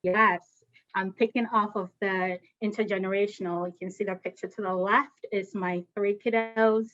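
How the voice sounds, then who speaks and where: A woman from Ghana co-presenting a webinar as an evaluator, speaking in a brisk and direct way. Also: mid-range voice, steady tone, a bit bright. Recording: dull lo-fi audio.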